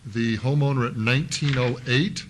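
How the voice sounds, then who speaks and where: At a public hearing in council chambers, a man on the city council speaks into a desk microphone as he questions an applicant. His medium-pitched voice keeps a moderate pace; his manner is folksy and methodical, full of thinking-aloud fillers, and the background is noisy.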